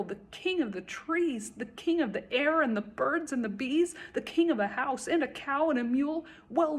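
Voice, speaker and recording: In a high-pitched voice, a woman acting as storyteller recites a rhyming children's tale, her phrasing expressive, dramatic and deliberate.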